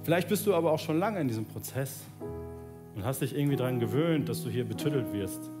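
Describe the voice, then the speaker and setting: A fast, lively-sounding pastor in his thirties preaches with earnestness on a large church stage, dipping soft and low and then rising into pleading. The sermon ends in prayer, backed by soft instrumental music.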